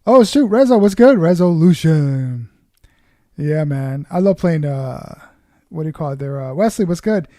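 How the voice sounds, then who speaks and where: A man's voice: fairly high pitch, animated, normal speed, dark tone, no room sound, clean studio sound. A man from Puerto Rico, born in New York, hosting a casual guitar livestream, greeting viewers by name in a loose, chatty way and swearing now and then. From born in New York, raised in Puerto Rico. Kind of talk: casual livestream chat reading comments.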